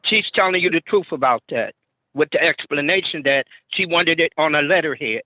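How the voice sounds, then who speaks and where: A man's voice comes through muffled and tinny, as if from a phone on the other side of a wall. He sits a little high for a man and sounds close and dry, with no room around him. He speaks haltingly, repeating words as he answers a judge. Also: dry recording. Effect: muffled, tinny phone line. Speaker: party in a court hearing. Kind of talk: testifying to a judge. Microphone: telephone.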